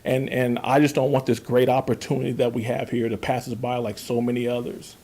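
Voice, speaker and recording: A man's voice: mid-range voice, level tone, a little fast, warm tone. A man from Kansas giving public comment at a county budget hearing, earnest and pleading, stumbling through restarts and repeated words. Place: county meeting room.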